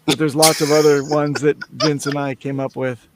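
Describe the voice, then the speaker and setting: The man's voice sits a little high for a man. He co-hosts a loose livestream chat, teasing the others and laughing often. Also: little pitch movement, moderate pace, very noisy. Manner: joking, teasing, bursts of laughter. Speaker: co-host.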